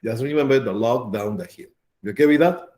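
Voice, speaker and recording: Mellow-voiced man lecturing a class. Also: mid-range voice, brisk. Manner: repetitive, checks in with students often. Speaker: pharmacology lecturer.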